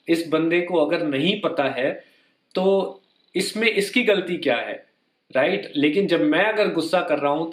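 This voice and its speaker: In a reverberant space, a young Indian man with a fairly high voice chats to camera as a vlogger, sharing personal stories. He keeps it conversational, mixes in English words, and performs the quoted dialogue of the people involved.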